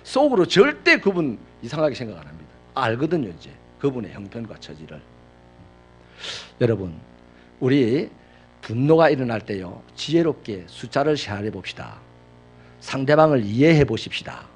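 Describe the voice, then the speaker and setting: A male pastor preaching a sermon, telling personal stories dramatically, swinging from loud outbursts to hushed asides. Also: mid-range voice, very animated, moderate pace, slightly rough, faint music behind.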